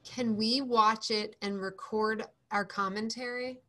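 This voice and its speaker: An excitable woman co-host with a bright, fairly high voice, playful and quick to gush in casual podcast chat. She jokes along eagerly and keeps the tone light. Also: slight background noise. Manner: excitable and playful, with gushing reactions.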